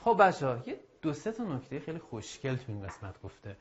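A male English teacher giving a video lesson to schoolchildren, drilling phrases slowly and encouraging the class. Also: on the high side, sing-song, slight background noise. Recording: dull lo-fi audio.

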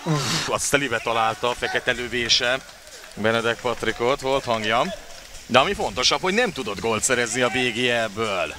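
A man giving live water polo play-by-play commentary as a sports commentator. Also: medium pitch. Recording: clear background noise of an outdoor venue.

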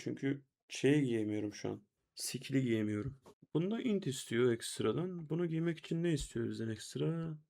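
A man's voice: mid-range voice, vocal fry, warm tone. A young man giving chatty let's-play commentary, talking to viewers and to himself as he plays, with keyboard typing behind. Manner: chatty, talks to himself and viewers while playing, exclaims at deaths. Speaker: gameplay streamer.

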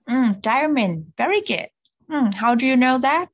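A woman's voice: high voice, animated, unhurried, no echo. A young woman with a Vietnamese accent, a native Vietnamese speaker, teaching English in an online lesson. She drills words patiently and switches between English and Vietnamese. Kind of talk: online repeat-after-me language drill.

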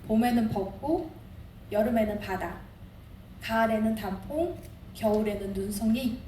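A woman's voice: on the high side, a little slow, warm tone. A young woman from Inner Mongolia, China, with a Chinese accent, delivers a rehearsed contest speech as an international student in an earnest, declamatory way. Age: young adult. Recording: roomy, distant mic, audible background noise.

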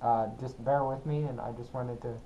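A young man vlogging casually in a mellow voice at a middling pitch, with halting, apologetic phrasing. The sound is a little dull, with some noise behind him. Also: steady tone. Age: young adult. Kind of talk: casual vlog to camera. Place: small room at home. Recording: dull, muffled sound with clear background noise.

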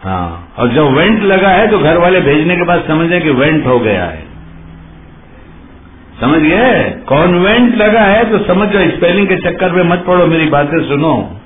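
A male religious preacher giving a lively sermon, quizzing his listeners and acting out little dialogues. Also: on the high side, unhurried, a little hiss or hum. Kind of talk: sermon with questions to the audience. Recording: muffled phone-like sound.

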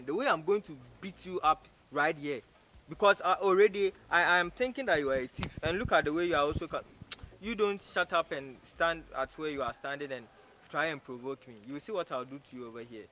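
A man's voice: fairly high pitch, bright, forceful tone, a little hiss or hum. An actor playing a rude, arrogant man who mocks and insults a stranger, stammering and repeating himself as he scolds her. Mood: angry. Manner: scornful, mocking, repeats himself in stammering bursts. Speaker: actor in a short film. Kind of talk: short-film drama acting.

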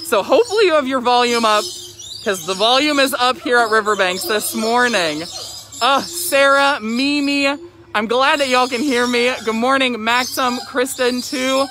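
A woman hosting a live zoo show in an excited, chatty way, her voice slightly muffled through a face mask. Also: on the high side, moderate pace. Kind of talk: upbeat live-stream presenting. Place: outdoor zoo by a lorikeet aviary. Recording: very noisy aviary, loud bird and animal calls. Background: loud bird calls and chirping.

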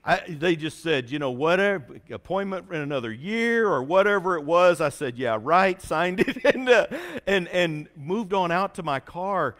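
Man, 40s, preacher; animated, self-deprecating storyteller, higher voice. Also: normal speed. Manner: animated, self-mocking storyteller with a folksy drawl. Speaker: pastor. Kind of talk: sermon storytelling. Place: church sanctuary.

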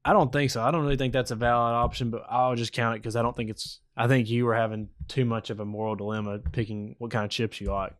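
A man in his twenties co-hosts a podcast from a small indoor room, wearing headphones and speaking close to a stand-mounted podcast mic. He chats casually and debates in a friendly, dry, joking way. His mid-range voice barely shifts in pitch, and he talks fast with hardly any pauses.

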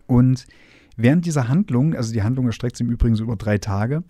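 Mellow-voiced man hosting a book podcast. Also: mid-range voice, quick pace, dry recording, studio quality. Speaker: podcast host. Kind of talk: casual book discussion.

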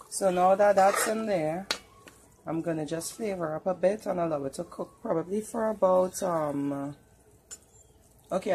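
A woman's voice: fairly low pitch, a little hiss or hum. A woman with a Trinidadian accent, chatting casually as she walks viewers through cooking steps in her home kitchen. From Trinidad and Tobago. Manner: chatty, talks viewers through each step. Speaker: home cook.

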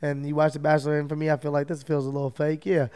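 A man's voice: on the high side, racing, clear, resonant tone. A man hosting a podcast, riffing animatedly and swearing freely in casual chat. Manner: animated, profane, riffs in run-on stories. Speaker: podcast host.

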